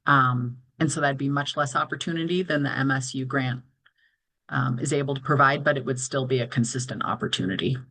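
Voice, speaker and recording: A woman with a bright, clear-edged voice chairs a formal online meeting. She explains procedure and options in careful, official wording, moderating as she goes. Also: a bass voice, a little fast.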